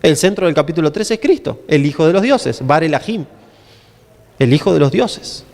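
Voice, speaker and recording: Joking male preacher, high voice, recorded in a conference hall with a long reverb. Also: moderate pace, gravelly. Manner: lively, joking, asks the audience questions. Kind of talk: humorous storytelling sermon.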